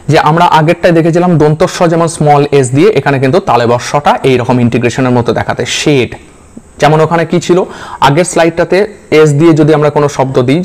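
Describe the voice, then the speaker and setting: A man's voice: on the high side, darkish tone. A man, teaching a slide-based pronunciation lesson, patiently repeating example sounds one by one.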